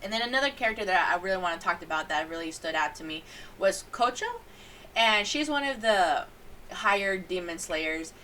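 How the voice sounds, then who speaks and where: A young woman reviews an anime in a loose, rambling vlog style, giggling as she goes. Her voice is bright and sharp. She sits a little away from the microphone, so she sounds slightly distant. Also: mid-range voice, normal speed, a little hiss or hum. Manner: rambling, animated, giggly storytelling.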